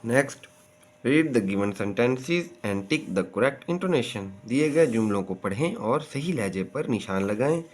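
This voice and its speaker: A man's voice: medium pitch, expressive, darkish tone. A man with a Pakistani accent teaching a grade-school textbook exercise, reading each sentence carefully and then translating it. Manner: deliberate, reads English lines slowly, then explains. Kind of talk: slow bilingual lesson, reading then translating.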